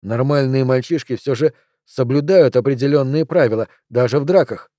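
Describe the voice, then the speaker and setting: A man reading a novel aloud in measured, even narration. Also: mid-range voice, no echo, studio quality. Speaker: audiobook reader. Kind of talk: scripted narration.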